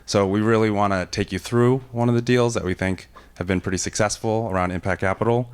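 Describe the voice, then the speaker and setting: A former camp counselor talks energetically into a handheld mic on a conference stage, describing his work in a conversational panel discussion and calling his own voice loud. His voice is fairly low, brisk, clear and resonant.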